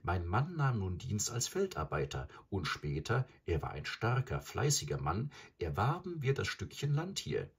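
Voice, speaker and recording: A man's voice: fairly low pitch, huge pitch swings, moderate pace, hardly any pauses, breathy edge, voice pushed up, exaggerated voice. A man voicing a gray-haired, timid village woman who speaks in a trembling, pleading way in an audiobook. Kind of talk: audiobook character voice.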